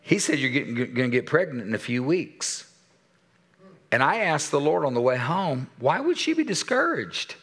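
A man in his sixties preaching a sermon in a church, telling a story with animated quoted dialogue and dropping to a soft voice for serious points. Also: medium pitch, normal speed. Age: 60s. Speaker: pastor. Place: church sanctuary.

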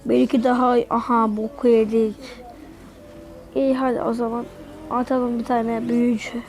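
A woman giving live commentary over her own mobile game, excitable and yelling at her opponent. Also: fairly high pitch, moderate pace, faint music behind.

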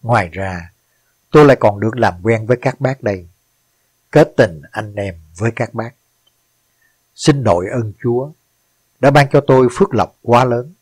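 A man's voice: medium pitch, normal speed, pauses often, darkish tone, husky, no room sound, close to an everyday voice. A man voicing an elderly widow who humbly recounts her life and gives thanks. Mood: heartfelt. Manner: humble, heartfelt storytelling. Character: elderly northern woman, grateful widow.

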